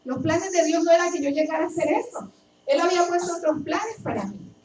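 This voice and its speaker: High-voiced woman preaching in an echoey hall. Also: brisk. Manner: emphatic, rhetorical questions and repetition. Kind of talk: sermon with personal testimony. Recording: echoey and distant, faint background noise.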